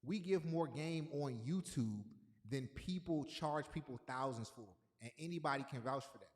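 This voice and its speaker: A man's voice: a little high, normal speed. A man hosting a livestream in a casual, loose way, often repeating himself and greeting chat viewers by name. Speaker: livestream host. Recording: long echoey reverb.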